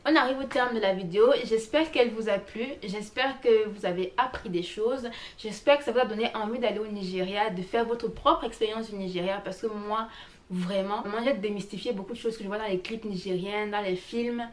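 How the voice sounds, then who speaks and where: A woman's voice: mid-range voice, fairly quick. A woman vlogger chatting casually and animatedly, speaking straight to her viewers about a trip. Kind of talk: casual travel vlog.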